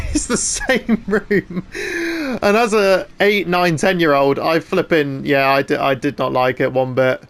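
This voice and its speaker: Young man in his twenties, gaming YouTuber, excitable chatty commentary, voice sits a bit high. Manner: excitable, chatty, frequent restarts. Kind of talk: gameplay commentary.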